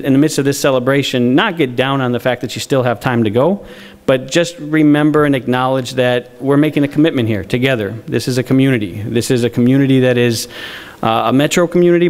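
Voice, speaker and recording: A man's voice: mid-range voice, a little mellow, smooth. A male faculty member giving an informal speech at a student ceremony, earnest with dry joking asides and frequent restarts, in front of a live audience.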